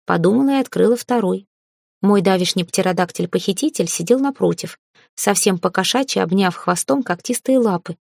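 Low-voiced woman reading a fantasy audiobook. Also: a little mellow, no echo, clean studio sound. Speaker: audiobook narrator.

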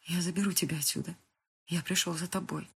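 A reader voicing a desperate, grieving young man who speaks low and pleading. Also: fairly even intonation, moderate pace, slight background noise, lightly acted. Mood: tender, pleading.

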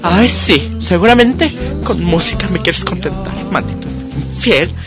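A woman's voice: lowish voice, lively intonation, unhurried, creaky, over music. A woman voicing a jealous, hysterical young girlfriend who whines and shrieks accusations. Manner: accusing, whiny, shrieking outbursts.

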